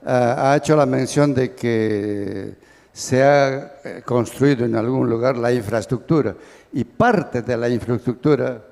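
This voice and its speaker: A man of middling pitch speaks up from a conference audience, searching for his words and filling the gaps with hesitations. A long hall reverb trails behind his voice. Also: creaky, a little mellow. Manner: halting, searching for words with many fillers. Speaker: audience member asking a question. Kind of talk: conference Q&A question.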